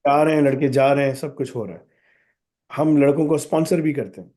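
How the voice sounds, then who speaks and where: A man's voice: mid-range voice, brisk, mellow. Man with a sore throat answering questions. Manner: direct, switches to English for emphasis. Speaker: college founder answering questions. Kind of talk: live Q&A session.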